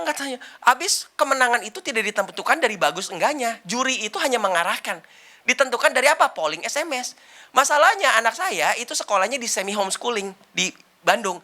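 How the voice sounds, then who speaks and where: A woman's voice: a little high, big pitch swings, fast talker, pushed and bright. A woman preaching a sermon and telling a personal testimony, acting out the people in her story. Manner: addresses listeners as brothers and sisters.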